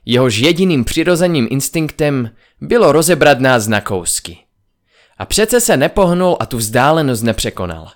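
A man reading a first-person audiobook aloud in a dramatic, expressive style. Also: on the high side. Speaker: audiobook narrator.

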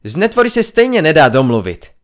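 A man voicing an exhausted young woman with fire powers, speaking wearily in a husky voice as he reads the story aloud. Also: fairly high pitch, big pitch swings. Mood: weary. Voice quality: weary, husky.

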